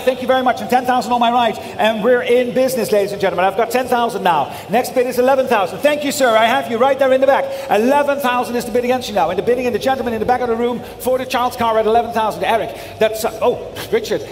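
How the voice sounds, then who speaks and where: Male auctioneer, high voice, repetitive bid-calling, polite formal address, big reverberant hall, some background noise. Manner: courteous, formal address to the room. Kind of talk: auctioneer calling bids live, repetitive chant.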